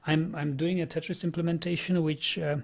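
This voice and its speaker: Fairly quick and flat, with a fairly high pitch and vocal fry, a young Czech man chats casually on his programming stream. His Czech accent comes through, and he keeps repeating words as he thinks aloud.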